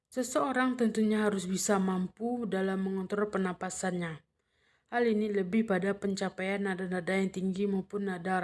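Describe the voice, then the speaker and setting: A young woman gives a lesson at an ordinary mid pitch, walking through each point in order. She sounds a little read-aloud and methodical, now and then stumbling over a word and starting it again. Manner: steady, methodical, with occasional slips and restarts. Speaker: teacher presenting a lesson. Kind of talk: explanatory lesson, partly read.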